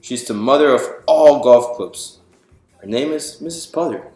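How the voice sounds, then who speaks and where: An unhurried man with a mid-range, slightly mellow voice reads a picture book to an audience. He narrates in an explanatory storybook manner, putting questions to listeners and answering them. The recording carries a roomy echo over background music.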